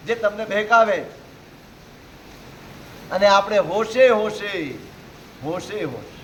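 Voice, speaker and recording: Very high-voiced male preacher, questioning. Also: a bit bright, a little hiss or hum, low-quality recording. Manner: rhetorical questions, exhorting listeners. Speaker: Jain preacher. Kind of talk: sermon to a live audience.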